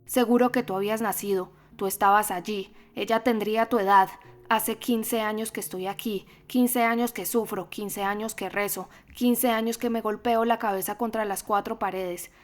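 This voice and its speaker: A woman's voice: medium pitch, steady tone, normal speed, soft background music, lightly acted. A woman voicing a deranged, grieving old female recluse who raves and mocks in a singsong, in a storybook reading. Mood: raving grief. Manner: mocking singsong, raving.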